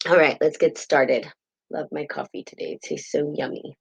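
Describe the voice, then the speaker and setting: A woman with a low, gravelly, slightly rough, whispered voice hosts a live spiritual talk stream at a moderate, steady pace. She teaches casually, rambling a bit and greeting viewers by name. She's recorded on a built-in device mic rather than her usual one.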